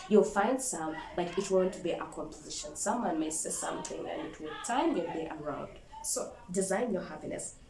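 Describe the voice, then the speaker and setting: A woman vlogger gives a motivational talk to camera, her voice swooping up and down as she plays with each phrase. She fondly calls the viewer darling. The recording carries a roomy echo and clear background noise. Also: lowish voice. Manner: animated, playful, acts out quoted voices and laughs. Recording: echoey room with background noise.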